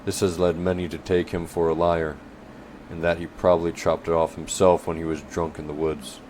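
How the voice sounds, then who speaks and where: A man reading a fantasy novel aloud as an audiobook narrator, measured with occasional self-corrections. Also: deep voice, flat delivery, a little mellow, a little hiss or hum.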